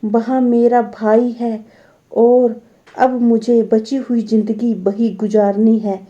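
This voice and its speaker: A woman's voice: a little high, level tone, slow, mellow. A woman voicing a stubborn, angry older mother-in-law who scolds and insists, on a dull lo-fi recording. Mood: insistent.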